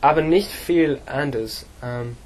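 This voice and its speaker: A teenage boy from England, an English speaker practising German, answering slowly with many fillers and pauses. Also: mid-range voice, slight background noise. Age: teens. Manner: halting, slow, many fillers. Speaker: student.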